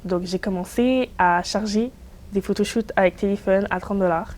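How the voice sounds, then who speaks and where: A woman with a Quebec French accent, a guest photographer telling her story in a relaxed way, with many fillers and English phrases. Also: medium pitch, moderate pace. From Congo (Kinshasa), raised in Montreal. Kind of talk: casual interview chat.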